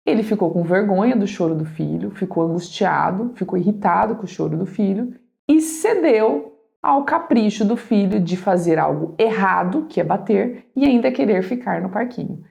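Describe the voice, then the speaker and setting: A woman's voice: mid-range voice, vocal fry, a little mellow. A woman reading a parenting book aloud and commenting on it, asking her listeners rhetorical questions. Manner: explanatory, asks the audience rhetorical questions. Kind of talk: commented read-aloud lesson.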